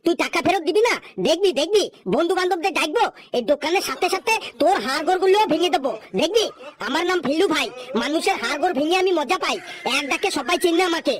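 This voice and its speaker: A woman voicing a hotheaded boy who brags and threatens quickly. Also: very high voice. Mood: threatening. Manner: fast, blustering, threatening. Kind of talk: cartoon voice acting.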